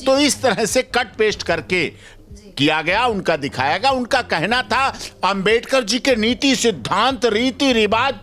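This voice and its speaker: A man's voice: high voice, bright, forceful tone. A middle-aged man, a senior advocate, giving emphatic commentary in a news interview with repetitive, speech-like rhetoric.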